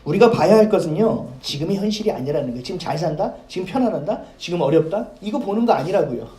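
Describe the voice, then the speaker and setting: A man preaching a sermon as pastor, talking in a lively, conversational way and asking the congregation questions. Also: high voice, fast talker, echoey room. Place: church sanctuary.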